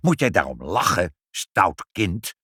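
A man's voice: mid-range voice, sing-song, normal speed, dry recording, clean studio sound, voice pushed up. Een man die een verwaande, zeurderige stadsopzichter speelt in een voorgelezen kinderverhaal. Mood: furious. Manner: pompous, whiny and indignant. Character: fussy pompous male city official.

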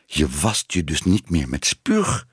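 A man's voice: extremely low pitch, huge pitch swings, slow pace, breathy edge, no room sound, clean studio sound, voice pushed down, full character voice. Man voicing hissing old cat Tante Moertje. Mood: disapproving. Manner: hissing, prim and scolding.

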